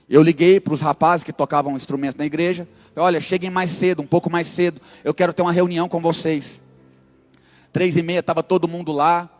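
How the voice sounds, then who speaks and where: A man's voice: on the high side, a little mellow, in a large hall. A man telling his testimony as a sermon, acting out dialogue with humorous asides. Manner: dramatic storyteller, acts out dialogue, humorous asides. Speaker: preacher giving testimony.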